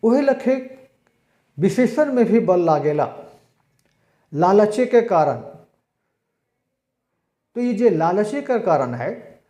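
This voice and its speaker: A man giving a recorded exam-prep language lecture, explaining slowly and acting out spoken examples. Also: sits high, big pitch swings, dark tone, roomy sound. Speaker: language teacher.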